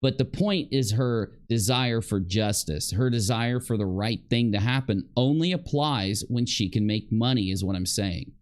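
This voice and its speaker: A male streamer with a medium-pitched voice reacts off the cuff to someone else's video, arguing and throwing accusations. He talks at a moderate pace and barely stops for breath.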